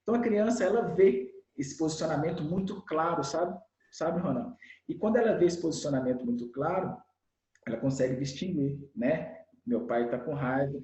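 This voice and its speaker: A man with a Brazilian Portuguese accent, a children's educator being interviewed, explaining in an animated way and acting out the lines of parents and children. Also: on the high side, moderate pace, echoey room, rough recording. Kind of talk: explanatory conversational talk.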